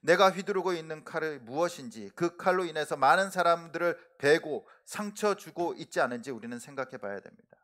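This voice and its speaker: Preaching earnestly from the sanctuary, this middle-aged pastor presses hard on every point but lets his sentence endings drop gently. His fairly high, expressive voice runs a bit quickly, with hardly any pauses.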